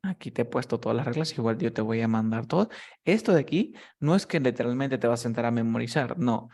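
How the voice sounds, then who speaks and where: A man's voice: mid-range voice, lively intonation, fast, gravelly, darkish tone. Patient man teaching grammar step by step. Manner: patient, explains step by step, often checks understanding. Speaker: English teacher. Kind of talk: one-on-one grammar lesson.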